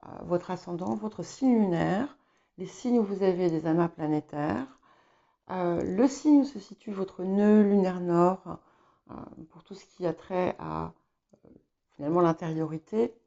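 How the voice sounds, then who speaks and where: A woman giving a spoken tarot reading, hesitant and filling pauses as she talks. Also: lowish voice, vocal fry, dark tone, muffled recording. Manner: hesitant, many fillers and restarts. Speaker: tarot reader. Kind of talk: casual spoken tarot guidance.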